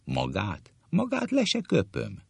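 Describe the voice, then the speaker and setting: Guy putting on a bickering duel-happy gent, voice jumps way up into squeaky yells, gravelly underneath. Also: very animated, no room sound, exaggerated voice. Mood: quarrelsome. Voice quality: shrill jumps into high shouts. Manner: insulting, quick to kick. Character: squabbling man bent on a duel, shrill.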